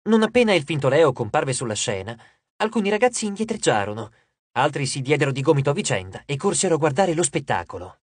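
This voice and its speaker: Lively male audiobook narrator. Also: a little high, quick pace, breathy edge, no room sound. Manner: expressive storytelling. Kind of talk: scripted narration.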